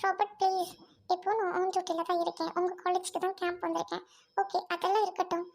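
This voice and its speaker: A woman voicing a soft-spoken young woman who asks hesitant questions, in a radio drama. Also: very high voice, level tone, brisk, faint music behind. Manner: quiet, hesitant.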